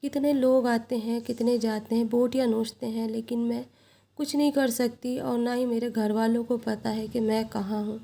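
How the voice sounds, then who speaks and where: A woman tells a confessional story in the first person, her fairly high voice soft and mellow. She keeps a somber, steady recounting manner throughout.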